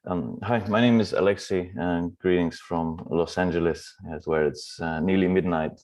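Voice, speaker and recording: A man's voice: deep voice, normal speed. A man from Russia, a film director, introducing himself casually with fillers over a video call. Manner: relaxed, with fillers. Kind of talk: online panel self-introduction. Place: home at night.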